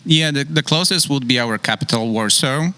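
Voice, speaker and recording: A man's voice: medium pitch, brisk, bright, forceful tone, clear, resonant tone. A man from Poland with a Polish accent, a brewery co-founder giving short, agreeable interview answers. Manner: brief, agreeable replies.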